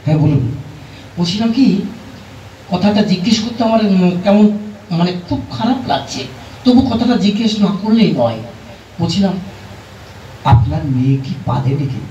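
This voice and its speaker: Hesitant puppet village dad, man performing, high voice, halting comic delivery, roomy dull recording with music. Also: lively intonation, mellow, recorded from a distance, slight background noise. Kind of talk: comic puppet show dialogue.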